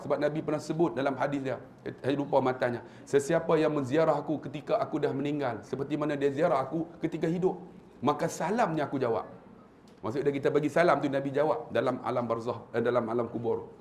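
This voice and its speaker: A man's voice: mid-range voice, darkish tone, echoey room, a little hiss or hum. A man with a Malaysian Malay accent giving a humorous religious lecture, acting out the people in his stories. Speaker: religious preacher. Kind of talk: lively religious lecture with storytelling.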